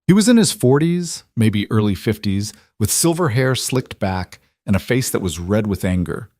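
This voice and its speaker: Guy narrating a drama story, lowish voice, dry close mic, steady. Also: moderate pace, no room sound.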